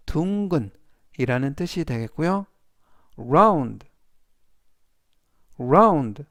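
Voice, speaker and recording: A man teaching English vocabulary, pronouncing each word slowly and clearly for learners to repeat. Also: a little high, no room sound, studio quality. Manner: drawls English words slowly and clearly for repetition. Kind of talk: slow scripted vocabulary lesson.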